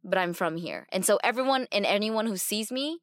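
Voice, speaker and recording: A woman's voice: medium pitch, expressive, a little fast, no echo, clean studio sound. A woman co-hosting a podcast, speaking earnestly and reflectively, often restarting her sentences. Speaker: podcast co-host. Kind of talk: casual conversational podcast.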